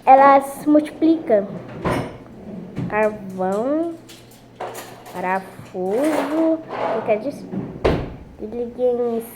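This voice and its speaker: A woman's voice: on the high side, lively intonation, takes it slowly, long pauses, noisy background. A woman hosting a gaming channel, chatting casually to viewers at home and repeating her phrases as she plays. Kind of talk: casual gameplay commentary. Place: at home, family nearby.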